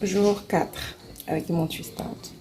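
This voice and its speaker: A woman talking casually to camera as a hair vlogger, chatty and animated with exasperated asides. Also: on the low side, slow pace, noisy background. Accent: French. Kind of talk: casual vlog chat.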